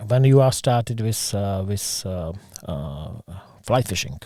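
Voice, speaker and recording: A man whose first language is Czech hosts a casual interview in halting English, with many pauses and fillers. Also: on the low side, animated, dark tone, no room sound, studio quality. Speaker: podcast host.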